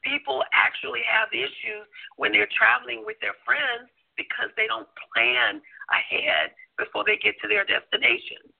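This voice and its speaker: A man's voice: high voice, steady tone, normal speed, vocal fry, few pauses. A man co-hosting a casual chat show, telling stories and acting out friends' lines, his voice giving out. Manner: acts out friends' quotes in storytelling. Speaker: co-host. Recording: tinny phone-line sound.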